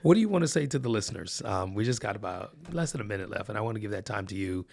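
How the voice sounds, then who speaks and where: A man's voice: fairly low pitch, expressive, rapid-fire, creaky, crowd noise. An older man hosting a podcast interview, easygoing, affirming and playful as he chats with his guest. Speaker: podcast host. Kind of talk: casual interview chat.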